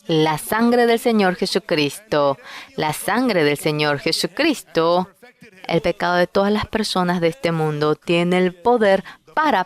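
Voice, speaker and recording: Slow, clear-voiced emphatic preacher. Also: mid-range voice. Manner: emphatic and repetitive, stretches key words. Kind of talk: sermon.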